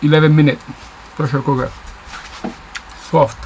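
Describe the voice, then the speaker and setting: A man's voice: a little high, flat delivery, moderate pace, background noise. A man in his fifties, chatting casually while he cooks in a boat galley and explains the dish. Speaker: sailing vlogger. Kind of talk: casual chat while cooking.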